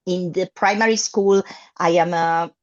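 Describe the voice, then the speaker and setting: On a muffled recording, a woman in her fifties talks unhurriedly in a lowish, slightly mellow voice with fairly even intonation. A native Spanish speaker from Argentina, she's an English teacher being interviewed conversationally about her career, hesitant and full of fillers and restarts.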